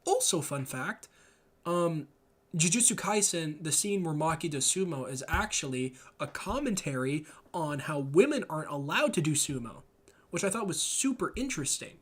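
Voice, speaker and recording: Slangy young man, slightly high voice. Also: lively intonation, moderate pace, breathy edge. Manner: slangy, emphatic, thinking out loud. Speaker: solo commentator reading and reacting to comments. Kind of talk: casual rambling chat about comics and anime.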